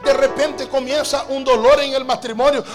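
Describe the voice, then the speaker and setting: High-pitched male pastor preaching, emphatic, drawn-out stresses, soft music underneath. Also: steady tone. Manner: preaching with repeated rhetorical questions; emphatic, slows down to stress key phrases. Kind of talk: sermon.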